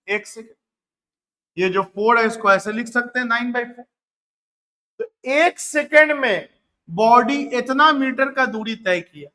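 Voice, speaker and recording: A man's voice: very high-pitched, sharp tone. A man teaching a physics lesson, asking his students questions and answering them himself, and repeating key numbers. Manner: motivational asides to students. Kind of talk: classroom physics lecture.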